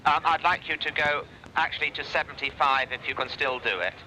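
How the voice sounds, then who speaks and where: A male scientist gives polite, hesitant instructions over a space radio link. The voice is slightly high and extremely bright and sharp, with faint noise on the line. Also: a little fast, rough recording. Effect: space radio transmission. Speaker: ground scientist directing an experiment. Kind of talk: procedural space-to-ground radio chatter.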